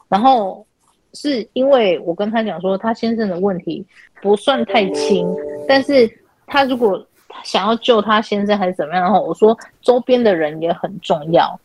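A woman's voice: medium pitch, normal speed, a little mellow, no echo, rough recording. A woman, hosting an online chat and animatedly retelling counseling sessions, acting out quoted dialogue. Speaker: podcast host and spiritual counselor. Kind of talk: casual chat, telling client stories. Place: online chat room call.

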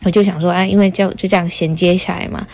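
A young Taiwanese woman with a slightly low voice talks casually as a host, wearing a dental retainer that makes her words a touch wet. She rambles, pauses and corrects herself as she goes. Music plays behind her. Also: level tone, darkish tone. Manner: rambling, halting, self-correcting with giggles. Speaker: podcast host. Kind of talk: casual chatty monologue.

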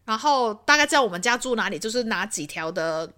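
A woman from Hong Kong in casual podcast conversation. Her voice is on the high side and bright, and it swings widely in pitch. She tells things expressively, with plenty of exclamations. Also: a little fast. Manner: expressive, exclaiming storyteller with frequent laughter. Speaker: podcast host. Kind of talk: casual chat.

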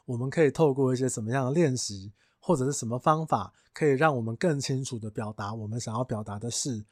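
A young adult man hosting a casual podcast monologue, a chatty storyteller who is amused and quick to laugh. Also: mid-range voice, darkish tone, no room sound, clean studio sound. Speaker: podcast host.

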